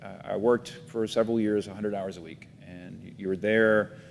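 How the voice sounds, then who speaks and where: A foundation CEO from Miami, United States, speaks as a guest in a casual interview, reflective and full of fillers and restarts. His voice is low, steady, normal-speed and touched with vocal fry. The recording has roomy reverb and a faint rumble.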